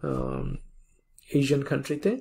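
A programming instructor teaching a coding lesson step by step, spelling out code slowly and often checking in with the viewer. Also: mid-range voice, completely flat delivery, creaky, mellow. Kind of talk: coding tutorial lecture.

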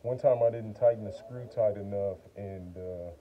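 A middle-aged man with a fairly low voice vlogs outside by a wooden porch, demonstrating generator maintenance in a casual how-to chat as he works. He talks informally and haltingly, explaining things in folksy, slangy terms. The outdoor phone recording is noisy and dull.

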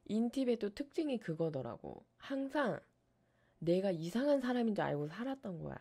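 A woman who streams ASMR, chatting casually on her live stream and telling stories with animated energy and frequent laughs. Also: mid-range voice, moderate pace, slightly rough.

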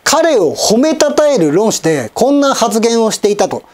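Animated, formal middle-aged male commentator. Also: very high voice, a little hiss or hum. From Japan, Osaka and Kochi. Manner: formal, polite and measured, with wry asides. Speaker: channel host and commentator. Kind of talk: scripted news-style commentary.

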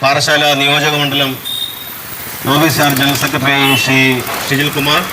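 Even-toned man giving a formal political speech. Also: on the high side, measured pace. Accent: Kerala. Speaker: local party leader. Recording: echoey outdoor setting with traffic noise.

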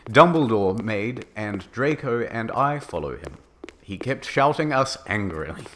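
A man with a lowish voice reads fan fiction aloud in deadpan comedy style. He delivers absurd lines earnestly and flatly, never cracking. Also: measured pace, slight background noise.

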